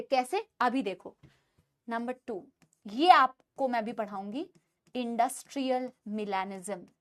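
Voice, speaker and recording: A woman with an Indian accent teaching a biology class, mixing Hindi and English and coaxing her students as beta. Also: high voice. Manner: says she usually shouts in class. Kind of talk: online class lecture.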